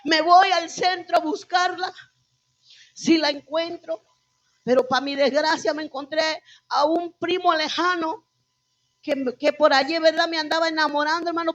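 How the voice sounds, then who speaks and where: High-voiced woman pastor giving testimony. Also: a bit bright. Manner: emotional, addresses the congregation as brothers. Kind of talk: testimony sermon. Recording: dull lo-fi church recording.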